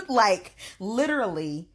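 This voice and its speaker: A young adult woman co-hosting a casual podcast chat, talking in an animated, emphatic way. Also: mid-range voice, slow pace. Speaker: podcast co-host.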